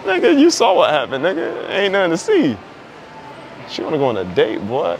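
A man's voice: a little high, huge pitch swings, brisk, background noise. Brash slangy young man vlogging. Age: 20s. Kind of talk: street prank vlog, casual chat. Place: indoor mall and outdoor basketball court.

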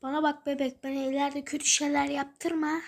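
A woman commenting on a horror game as she plays, swearing a lot and swinging between loud threats and hushed whispers. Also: high voice, little pitch movement, fairly quick. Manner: scared, swearing often. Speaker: gamer.

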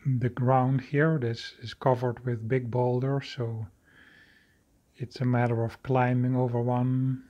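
A man narrating his own cave footage in an unscripted voice-over, slow and halting with many fillers and restarts. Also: medium pitch, little pitch movement, dark tone, highs cut off. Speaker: video creator exploring a cave.

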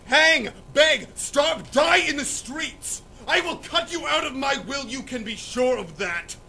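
An actor voices a domineering noble father who blusters and hurls threats. The voice sits high and sharp, with big leaps in pitch as his anger boils over. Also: very animated, measured pace, a little hiss or hum, full character voice, low-quality recording. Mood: furious. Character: furious domineering father, middle-aged nobleman. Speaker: student actor in a school reading.

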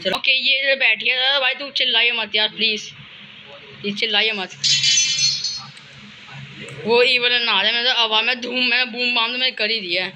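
A young man with an Indian accent giving excited horror game commentary, panicking and urging himself on by name. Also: very high voice, moderate pace, pauses often, slight background noise. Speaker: gaming channel host.

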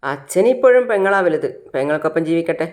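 A narrator voicing a caring young married daughter who talks earnestly and keeps asking questions. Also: female voice, sits low, lively intonation, quick pace, a little mellow.

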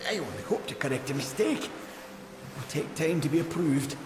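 An anxious gnome scribe played by a man from a fantasy game, hesitant and fretful. His pitch swings about in a lively way. The voice rings in a long hall reverb, with clear music behind it. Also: brisk, close to an everyday voice. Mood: amazed, grateful. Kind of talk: video game character dialogue.

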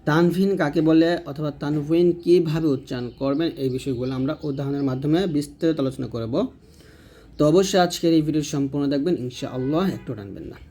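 A man with a Bangladeshi Bengali accent and a fairly high voice, teaching a recitation lesson. He talks briskly, naming each letter and mark before sounding it out. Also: warm tone. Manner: brisk, spells letters then sounds them out. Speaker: Quran reading teacher.

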